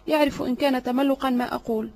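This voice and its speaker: A woman voicing a cunning, flattering male servant in an audiobook drama reading, obsequious and sly. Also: high voice, quick pace, vocal fry.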